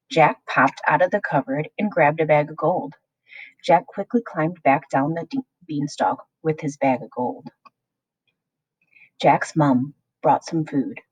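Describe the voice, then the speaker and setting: A woman reading a children's picture book aloud, expressive and addressing young listeners. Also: sits low, slightly rough, no room sound, poor audio. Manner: slow, expressive, plays along with listeners. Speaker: children's storyteller.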